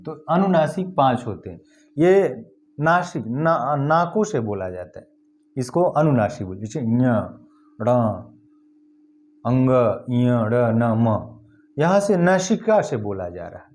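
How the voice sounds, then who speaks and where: A male teacher giving an exam-prep lesson, slowly sounding out each letter one by one. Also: a little high, darkish tone. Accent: Hindi-speaking north Indian.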